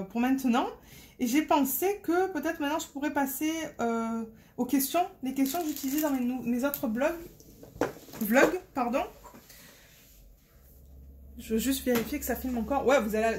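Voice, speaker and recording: Her voice sits high with a darkish tone, over slight background noise: a woman from Marseille, France, who vlogs about diamond painting. Speaking with a Marseille French accent, she chats casually to her phone camera, rambling and searching for words.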